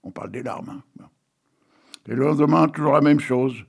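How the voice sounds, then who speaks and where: A man's voice: medium pitch, moderate pace, creaky, darkish tone, slightly rough. An older man reading a tale and poems aloud in a theatrical way, breaking off for wry joking asides. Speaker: reader.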